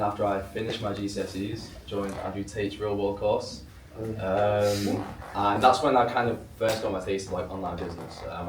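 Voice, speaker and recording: Low-voiced young British man telling his story. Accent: British English. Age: young adult. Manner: relaxed, with many fillers and restarts. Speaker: co-founder speaking to an audience. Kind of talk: casual storytelling talk on stage. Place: event room with an audience. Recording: roomy room, mic far off, faint noise.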